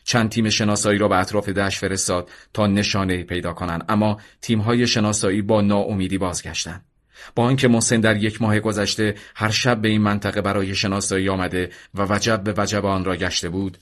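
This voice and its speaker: A man narrates a story in a measured, solemn way, with a fairly low voice. The reading is scripted and steady throughout.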